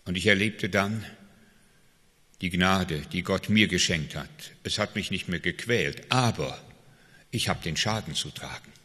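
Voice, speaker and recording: Male preacher, emphatic sermon delivery, bright tone, reverberant hall. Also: sits low, a little slow, slightly rough. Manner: emphatic preaching with swings between loud calls and quiet confession.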